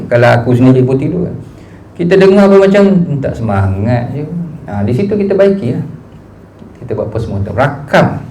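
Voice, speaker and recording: A male preaching instructor with a Malaysian Malay accent explains delivery in a conversational, animated way, his pitch swinging up and down as he talks. He keeps asking his class for agreement. There is faint noise behind him. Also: poor audio. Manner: conversational, animated, asks "kan?" often. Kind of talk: teaching a sermon-delivery course.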